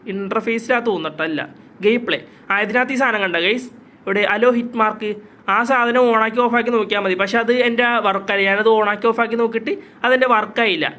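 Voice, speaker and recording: A man hosts a gaming channel, chatting casually through gameplay and repeatedly calling his viewers "guys." His high, bright, forceful voice is a bit hoarse from a cough.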